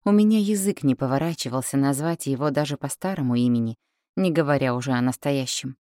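Deep-voiced woman narrating an audiobook. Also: fast talker, dark tone, no room sound, studio quality. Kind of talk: first-person audiobook narration.

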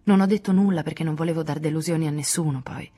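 A woman's voice: low-pitched, fast talker, warm tone, slightly rough. A woman reading aloud, voicing a spirited, outspoken teenage girl who talks bluntly and impulsively. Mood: eager.

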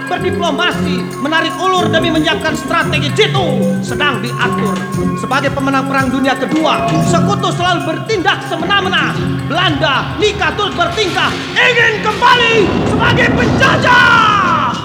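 A man narrating and singing in a musical drama, with stirring chants that break into shouts, heard on an old cassette tape recording. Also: extremely high pitch, moderate pace, roomy sound. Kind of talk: sung and declaimed musical theatre. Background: loud music score.

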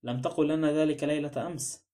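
A man's voice: fairly high pitch, steady tone, fast talker, warm tone, close to an everyday voice. A man voicing a blunt, suspicious male former detective in an audiobook drama, pressing others with pointed questions. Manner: blunt, probing.

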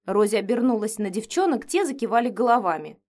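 A woman reading a first-person story aloud as an audiobook narrator, expressive and acting out the heroine's lines. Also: a little high, fast.

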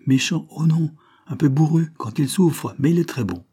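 A man's voice: fairly high pitch, moderate pace, dark tone, husky, voice pushed up. A man voicing Marianne, a devoted twelve-year-old farm girl, in an audiobook reading. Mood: tender.

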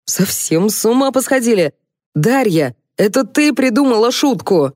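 A woman's voice: fairly high pitch, expressive, moderate pace, a little mellow, dry recording, clean studio sound, voice pushed up. A woman reading an audiobook, voicing a stout, angry male police colonel who huffs indignantly. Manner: indignant, huffing.

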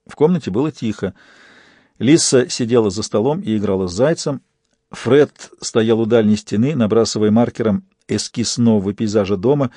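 A man giving scripted audiobook narration in a measured, even way. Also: mid-range voice, slightly rough, no echo, studio quality.

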